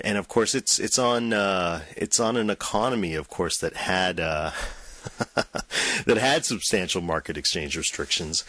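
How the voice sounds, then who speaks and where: A man hosting an interview podcast, talking in a relaxed, chatty way with many restarts. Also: sits low. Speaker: podcast host. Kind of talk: conversational interview.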